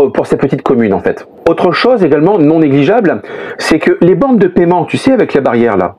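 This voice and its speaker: A man's voice: fairly high pitch, darkish tone. A French man, a middle-aged family vlogger, explains things step by step in casual talk full of "hein" and "euh". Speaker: vlogger, father of a motorhome-travelling family.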